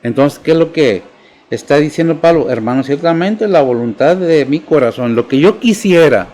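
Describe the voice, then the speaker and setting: A man's voice: a little high, expressive, normal speed, a little mellow. Man preaching a sermon. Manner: preaching with questions to the congregation. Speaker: pastor.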